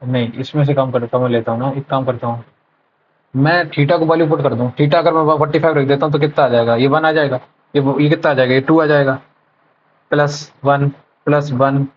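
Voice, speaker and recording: A man's voice: mid-range voice, steady tone, a little fast, a little hiss or hum. A man tutoring for exams, thinking aloud as he solves math problems, muttering numbers and correcting himself while mixing in English terms. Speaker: exam prep tutor solving a live mock test. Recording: dull lo-fi sound.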